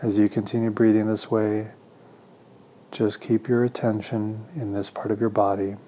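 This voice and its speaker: Here a male teacher with a lowish voice walks listeners through a guided meditation, his soothing, calm instructions delivered deliberately and spaced with pauses. The audio is slightly muffled.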